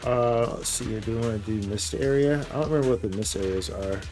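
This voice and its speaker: Talking quickly in a mid-range, slightly mellow voice, a male streamer offers relaxed commentary on his game. His speech is slangy, with "dude" and "boy" aimed at both the game and viewers, and game music sits beneath it.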